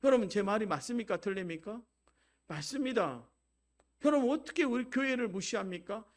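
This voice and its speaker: High-voiced Korean pastor preaching. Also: male voice. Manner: swings from loud preaching to quiet storytelling; exhorting, repeatedly addresses the congregation. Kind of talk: Sunday sermon.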